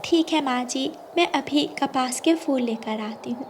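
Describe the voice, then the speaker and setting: Young sparrow bride voiced by a woman, bright high pitch, polite and obedient, slight hiss. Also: unhurried. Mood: eager. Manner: polite, eager. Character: dutiful young sparrow daughter-in-law, eager and obedient. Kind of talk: storybook cartoon voice acting.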